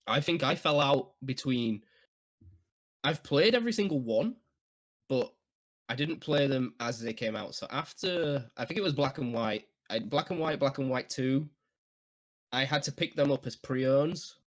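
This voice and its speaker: A man's voice: mid-range voice, lively intonation, a little slow. Chatty man in his twenties. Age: 20s. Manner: nostalgic, chatty, laughs often, many fillers. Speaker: podcast co-host. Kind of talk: casual chat.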